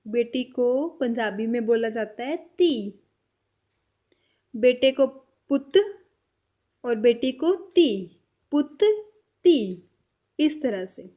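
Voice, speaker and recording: A high-pitched woman gives a vocabulary lesson at an unhurried pace. She says each word, repeats it, and lets her voice drop and fade at the end of a phrase. She sounds patient and instructional. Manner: repeats each word slowly, trailing off softly. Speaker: language teacher.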